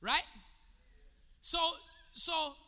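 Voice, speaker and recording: A man's voice: extremely high pitch, expressive, very slow, sharp tone, big-room sound. A man preaching a sermon as pastor, asking the congregation questions and drawing call-and-response.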